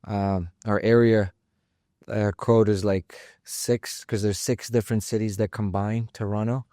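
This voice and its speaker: In a podcast studio with no echo, an Afghan mixed martial arts fighter in his twenties is the guest in a casual interview. His voice is fairly low, and he speaks calmly and reflectively, halting often with pauses and fillers.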